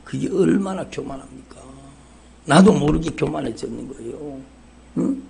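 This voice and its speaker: Gravelly Korean pastor preaching fervently. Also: male voice, a little high, normal speed, a little mellow, a little hiss or hum. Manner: fervent preaching, repeats "여러분" and "정말로". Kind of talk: sermon. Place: church sanctuary. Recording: live church service stream.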